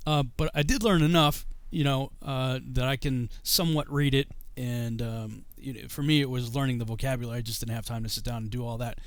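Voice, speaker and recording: The middle-aged English-speaking guest talks briskly with few pauses, his voice mid-range and free of echo, as he explains scripture from his home study over video call. His delivery stays loose and rambling, with frequent fillers and restarts.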